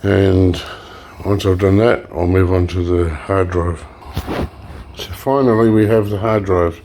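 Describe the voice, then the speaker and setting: A man with a low, mellow voice hosts an e-waste recycling channel and gives a casual hands-on demonstration at an unhurried pace, with a little hiss or hum in the background. He's relaxed and explains as he works, with frequent fillers and restarts. His voice is slightly hoarse, and he clears his throat.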